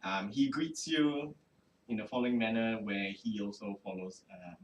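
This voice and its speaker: A man's voice: fairly low pitch, normal speed, a little hiss or hum. A man narrating as game master of a tabletop game, hesitant and full of fillers. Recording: roomy, distant mic.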